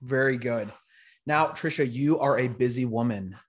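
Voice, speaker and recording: A man's voice: mid-range voice, moderate pace, breathy edge. Friendly male podcast host on a headset. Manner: friendly, stumbling restarts, many "you know". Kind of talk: casual interview. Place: home office with bookshelves. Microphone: headset mic.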